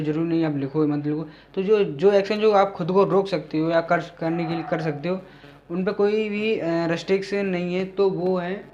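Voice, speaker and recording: A man with a fairly high voice lectures on biology in a lesson video. He reads textbook definitions in English at a slow, careful pace and then explains them in Hindi, often pausing on fillers as he searches for words. The sound is dull and lo-fi. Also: a little mellow. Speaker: teacher.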